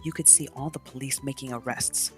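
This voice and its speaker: Soft music runs in the background as a woman with a very deep voice performs a picture book for children, dramatic and expressive, pausing now and then to describe the illustrations.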